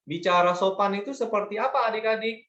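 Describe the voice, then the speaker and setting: A man's voice: sits high, fast, fairly bright tone, reverberant, dull audio. A man teaching an online Sunday school lesson to children, patient and coaxing, often asking them to agree.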